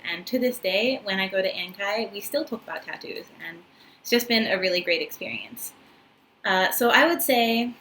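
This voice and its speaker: A mid-range, bright, forceful voice belongs to a woman in her twenties with a New Zealand accent, a vlogger who teaches English in Japan. She chats casually and amiably to the camera with lots of ums and uhs. The low-quality recording, made close up in a small room with a wooden floor and paper screens, has a little hiss or hum.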